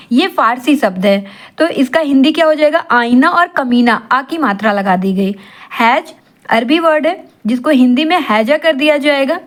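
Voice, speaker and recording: A woman tutoring for an exam in Hindi, asking rhetorical questions and answering them herself, mixing in English terms. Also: high voice. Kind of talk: classroom-style exam lesson.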